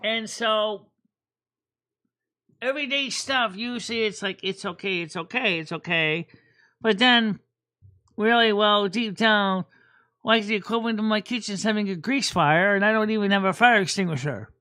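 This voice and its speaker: A woman hosts a casual livestream chat in a bright, forceful voice. She rambles and often repeats words as she works through her thoughts. Her pitch sits right in the middle. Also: moderate pace. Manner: rambling, repeats words while thinking aloud. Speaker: host.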